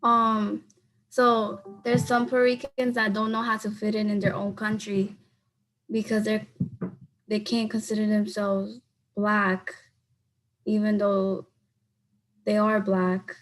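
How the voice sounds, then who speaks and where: A woman's voice: medium pitch, little pitch movement, slow, pauses often, poor audio. A young adult woman giving a speech for class over a video call, earnest and leaning on "like" when she answers questions unprepared. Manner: earnest, leans heavily on "like" when speaking off the cuff.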